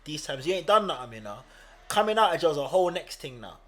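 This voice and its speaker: Brief: young East End London man, podcast co-host, slangy storyteller, quick to laugh, voice sits a bit high. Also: sing-song, fairly bright tone. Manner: laughs often, tells stories in heavy street slang. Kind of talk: casual podcast chat.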